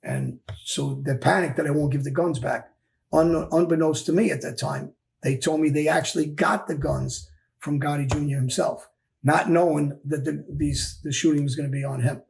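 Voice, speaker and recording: A man tells his own story in a candid sit-down interview, speaking bluntly and with emphasis. His voice is deeply gravelly and pitched a little high, and he keeps circling back over his own phrases. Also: normal speed, a little mellow. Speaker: former mob enforcer guest.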